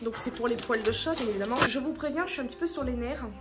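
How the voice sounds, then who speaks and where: A woman's voice: on the high side, rapid-fire, loud music behind the voice. A woman chatting casually to her vlog audience at home, rambling and tripping over her words. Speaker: vlogger. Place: at home indoors.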